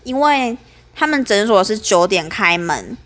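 A woman's voice: medium pitch, big pitch swings, measured pace, a bit bright. A young woman, telling a story as a podcast host in a chatty, aggrieved way.

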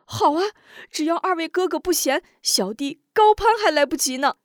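A woman's voice: high-pitched, very animated, a little slow, no echo, clean studio sound, pitched above the performer's own voice. A woman reading the lines of an earnest young male swordsman in a martial-arts audiobook, in an emphatic, raised delivery. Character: young male hero, earnest sworn brother.

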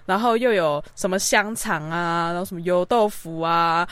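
A woman, co-hosting a podcast and telling a story in casual chat, animated and exasperated. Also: fairly low pitch, moderate pace, clean tone, no echo. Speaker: podcast co-host.

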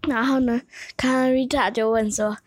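High-voiced young girl telling a story. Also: fairly even intonation, moderate pace, no echo. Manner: simple, step-by-step phrasing. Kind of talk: casual improvised storytelling.

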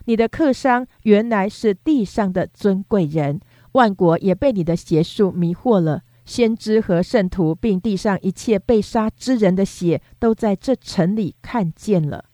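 A woman reading scripture aloud in a steady, measured, unhurried way. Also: mid-range voice, dry recording. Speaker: scripture reader.

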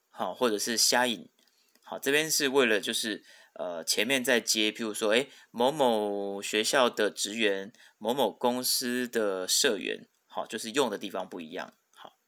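A man's voice: lowish voice, expressive, normal speed, bright, forceful tone. A man teaching vocabulary in a podcast lesson. He speaks patiently, says each word twice and often starts sentences with a filler. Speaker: Japanese language teacher.

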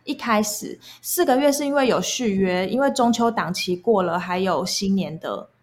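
A woman's voice: medium pitch, normal speed. A young adult woman speaks with a Taiwanese accent in a mid-range voice. She tells stories casually and candidly, explaining things in an everyday conversational way. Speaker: guest recounting past jobs.

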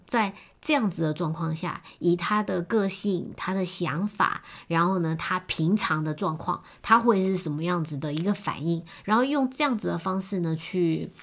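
A woman giving a gentle, explanatory self-help talk on relationships, with many fillers and soft trailing endings. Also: lowish voice, gravelly. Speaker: speaker on relationships.

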